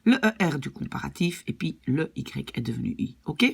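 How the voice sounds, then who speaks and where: A woman's voice: low voice, expressive, moderate pace, creaky, slightly rough. A woman language teacher patiently explaining grammar rules and often checking that her students follow.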